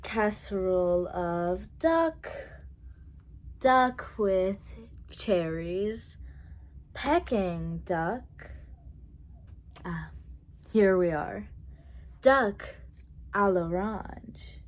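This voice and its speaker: A woman voicing a sly, hungry cat who runs a snack shack, smooth and savoring. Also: mid-range voice, lively intonation, drawn-out words, pauses often.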